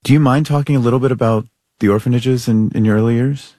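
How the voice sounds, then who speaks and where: A man hosting a show, asking gentle, searching questions with some hesitations. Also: medium pitch, steady tone, fast, dry recording, clean studio sound. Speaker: podcast host. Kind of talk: interview questions.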